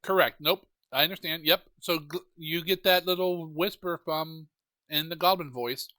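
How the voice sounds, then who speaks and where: A man's voice: on the high side, moderate pace, pushed and bright, no room sound. A man running an online tabletop game as game master, patiently explaining the rules and describing the scene.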